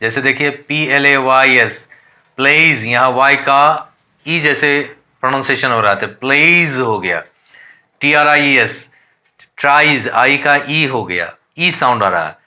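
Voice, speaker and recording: Male teacher from India, middle-pitched and very bright, drilling pronunciation. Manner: spells words letter by letter, repeats and drills. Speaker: English teacher. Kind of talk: explanatory lesson.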